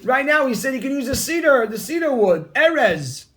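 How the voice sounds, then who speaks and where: A man's voice: very high-pitched, very animated, normal speed, a bit bright. A man teaching a Talmud class, who repeats key phrases over and over and calls on his students with emphatic energy. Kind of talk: Talmud class reading and explaining text.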